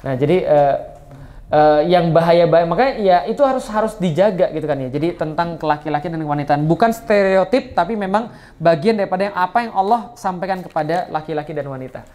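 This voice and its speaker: Fast-talking, joking male preacher. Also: fairly high pitch, animated, a little mellow. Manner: casual, joking, keeps adding tag questions. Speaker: Islamic preacher. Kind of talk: religious study lecture.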